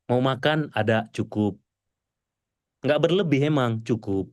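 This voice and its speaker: A male preacher delivers a mosque sermon to a congregation in a mid-range voice, unhurried yet animated and pleading, swinging between loud exclamations and soft murmurs. The recording is dry and of studio quality.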